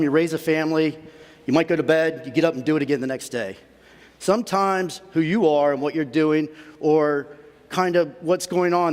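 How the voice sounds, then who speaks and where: A man's voice: on the high side, darkish tone. A man facilitating a workshop, giving a conversational motivational talk to a group and building points through repeated lists. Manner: conversational, repetitive listing. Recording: long reverb in a large room.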